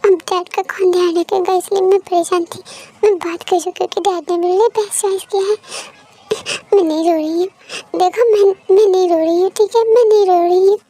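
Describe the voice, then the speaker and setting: A woman's voice: extremely high pitch, level tone, fairly quick, warm tone, no echo. A woman voicing a tearful young bride. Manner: sobbing, insisting she is not crying. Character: tearful young bride leaving her father.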